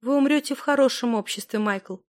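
A woman reading aloud voices a young heroine in a storybook, speaking softly and quietly pleading. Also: a little high, normal speed, lightly acted. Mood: composed. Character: young woman torn between love and duty.

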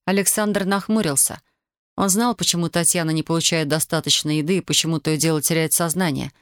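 Measured audiobook narrator, dry sound. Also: medium pitch, smooth, no echo. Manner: measured literary reading. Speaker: audiobook reader. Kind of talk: scripted narration.

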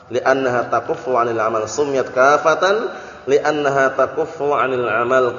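A male religious teacher giving a grammar lesson, repeating terms, translating them and often asking whether everyone understood. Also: a little high. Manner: keeps checking if listeners understood. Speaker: Islamic teacher. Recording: echoey hall, dull lo-fi audio.

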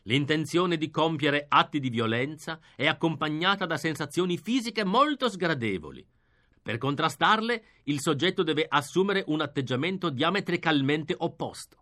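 A man reading an audiobook, voicing a composed male doctor who lectures an audience in a measured, explanatory way. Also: on the high side, animated, pushed and bright. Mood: clinical.

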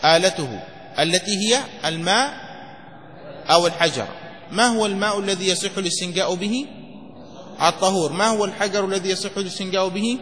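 A man's voice: high-pitched, fairly bright tone, big-room sound. A man teaching a classroom lesson on jurisprudence, posing questions and answering them himself, and repeating key phrases for students to memorize. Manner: dictates phrases slowly word by word. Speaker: sheikh teaching Shafi'i jurisprudence.

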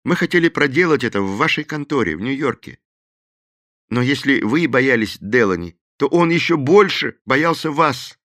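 A man's voice: medium pitch, lively intonation, normal speed, fairly bright tone, no echo, clean studio sound, voice pushed up, close to an everyday voice. A man voicing a timid male henchman who speaks hesitantly and uneasily. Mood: nervous confessing.

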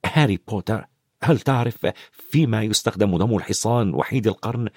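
A man voicing a calm young male centaur in an audiobook, speaking softly and earnestly. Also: on the low side, brisk, no echo, clean studio sound, lightly acted.

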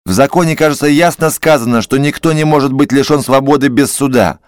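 A man voicing a furious shouting patient. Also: medium pitch, brisk, no echo, clean studio sound, voice pushed up, close to an everyday voice. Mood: outraged. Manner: shouting, outraged. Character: indignant agitated male hospital patient.

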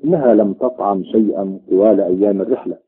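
A man voicing a cunning trickster god who speaks calmly and deliberately, on a tinny, phone-like recording. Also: on the low side, slightly rough, faint music behind. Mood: sly. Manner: calm and measured.

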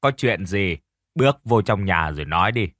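A man playing a harsh older aunt, scolding, mocking, very lively pitch, dry recording. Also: normal speed, dry recording. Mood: cold.

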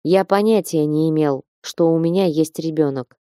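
A woman's voice: normal speed, dark tone, smooth, no echo, studio quality, natural voice. A woman voicing a blunt, rich male dwarf who has come to find his grown daughter, speaking in curt, matter-of-fact lines. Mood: gruff. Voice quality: bass, blunt. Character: gruff bearded rich male dwarf father. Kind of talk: audiobook character voice.

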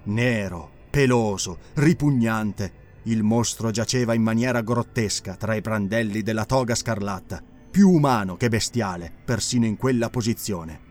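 A man reading an audiobook in a measured, expressive narration. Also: on the low side, faint music behind. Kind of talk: scripted dramatic narration.

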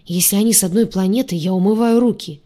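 A woman's voice: medium pitch, fast, dark tone, natural voice. A woman voicing a grumbling, exasperated male demon crewman in an audiobook.

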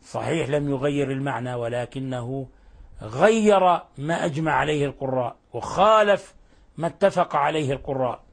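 A man's voice: medium pitch, normal speed, gravelly. A man teaching a tajweed lesson on Quran recitation, explaining the rules patiently and often repeating and correcting his phrases.

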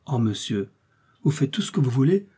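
A man reading aloud and voicing an excitable, admiring male servant with a high, eager tone. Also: normal speed, slightly rough.

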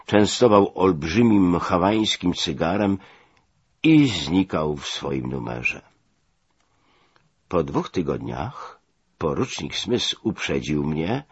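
A man with a low, husky voice reads a memoir aloud in a slow, expressive way. His pitch swings widely, and the recording is dull and lo-fi. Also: no echo. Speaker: narrator. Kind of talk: audiobook reading of a memoir.

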